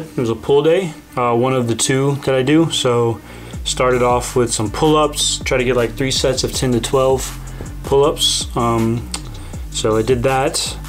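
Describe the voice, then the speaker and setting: A young man in his twenties talking casually in a home vlog voiceover with lots of fillers and a relaxed, rambling way of talking. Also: mid-range voice, normal speed. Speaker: fitness vlogger. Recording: background music under the voice.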